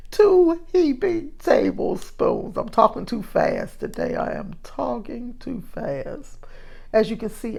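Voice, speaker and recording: A woman's voice: on the low side, creaky, dark tone. A woman chatting in a homey, casual way while demonstrating a recipe in her kitchen, with frequent fillers. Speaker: cooking vlogger.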